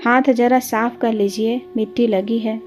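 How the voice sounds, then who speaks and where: A woman's voice: on the high side, steady tone, measured pace, a little mellow, soft background music, lightly acted. A woman doing a cold, snobbish young wife. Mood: cold, disdainful. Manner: cold, sneering, dismissive.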